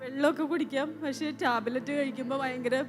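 A woman's voice: sits high, fairly even intonation, fast, over music. A woman in a congregation answering a preacher in short, tearful replies, heard from away from the microphone. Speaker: congregant giving a testimony.

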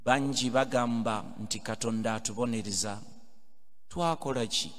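A Ugandan priest delivers a homily from the pulpit of a large cathedral, mixing English and Luganda. His male voice is medium in pitch and normal in speed, and his emphatic preaching builds to loud exhortations. A pulpit microphone on a stand picks him up amid long cathedral reverb.

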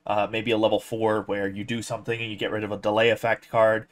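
A young man giving casual, opinionated commentary on a card game, explaining his points in a measured way. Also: fairly low pitch, level tone. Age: young adult.

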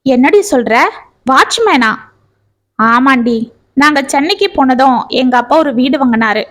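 A woman's voice: high voice, expressive, moderate pace, a bit bright. A woman narrating a family story aloud, lifting her voice for the characters' lines.

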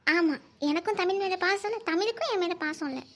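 A woman playing a brisk, teasing big sister. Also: very high-pitched. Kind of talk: cartoon voice acting.

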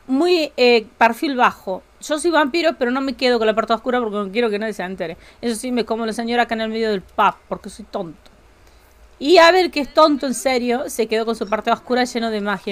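Woman, Rioplatense accent, high voice, giggly teasing gameplay chatter, desk mic. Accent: Rioplatense Spanish. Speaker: streamer playing a life-sim game. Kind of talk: casual gameplay commentary.

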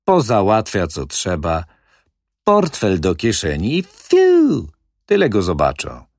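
A man reading the part of a brash, boastful middle-aged male building manager, talking loud and cocky. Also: on the low side, wildly swooping pitch, slow pace, gravelly, dry recording, clean studio sound, voice pushed up, full character voice.

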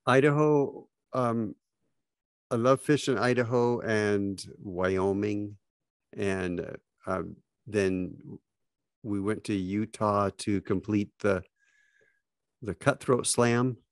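A middle-aged fly fishing writer, guesting on a podcast, tells fishing stories slowly and reflectively, pausing often. He's in a home office with bookshelves, joining by video call on wired earbuds. His lowish voice is smooth with fairly even intonation, and there's no room sound.

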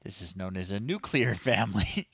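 This livestream host, a man in his thirties, plays along while reading screen text aloud and musing to himself in a wry, chatty way. He speaks at an ordinary pace in a fairly low, husky voice with lively intonation, captured dry with muffled audio.

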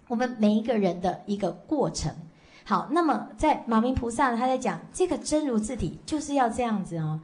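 A woman's voice: mid-range voice, a little mellow. A woman Buddhist teacher giving a dharma lecture to a class, telling stories and tagging her sentences with short fillers. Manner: storytelling with frequent "好" and "哦" tags; slow measured chanting leader at the close.

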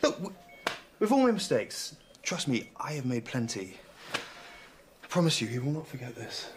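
A man's voice: medium pitch, very animated, moderate pace, a little hiss or hum, close to an everyday voice. A man in his thirties playing a confident, pragmatic hospital registrar in a medical drama, casual and self-assured. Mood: earnest, insistent. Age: 30s. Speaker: lead registrar. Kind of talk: filmed medical drama acting.

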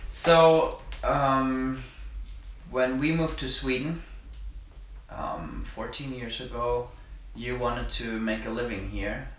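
A young man hosts a casual interview, asking relaxed, halting questions in an ordinary mid-range voice. The room is strongly echoey and the camera sits far off, with a faint hiss behind him. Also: medium pitch. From Germany. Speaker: interviewer, channel host. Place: living room by a tiled stove.

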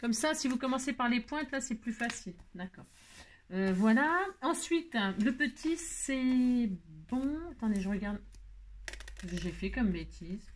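A woman runs a relaxed craft tutorial in a somewhat high voice. She sounds tired and keeps making fun of her own mistakes as she chats with her viewers. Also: measured pace, a little hiss or hum. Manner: chatty, self-mocking, addresses viewers directly.

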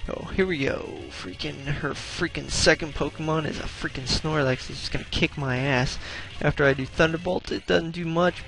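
A young man commenting on his own gameplay, excitable and profane, groaning and exclaiming at every setback. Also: fairly high pitch, gravelly.

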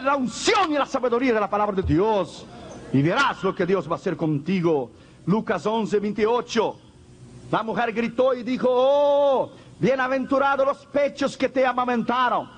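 A man preaching a fervent, emphatic sermon as pastor, repeating phrases and asking the congregation questions. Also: high voice.

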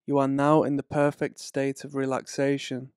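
A man reading a slow, soothing guided relaxation and hypnosis script in a measured way. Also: medium pitch, completely flat delivery, a little mellow, smooth, no echo, studio quality.

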